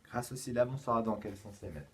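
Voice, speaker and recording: A man with a French accent, a kindergarten teacher giving a slow, patient home-schooling lesson to young children. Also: mid-range voice, a bit bright, husky.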